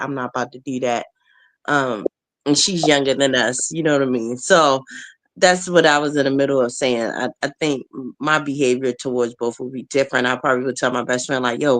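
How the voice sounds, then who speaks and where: Laughing lower-voiced woman in her forties. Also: fairly bright tone. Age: 40s. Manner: laughs often, greets viewers by name. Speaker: live show host. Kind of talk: casual chat.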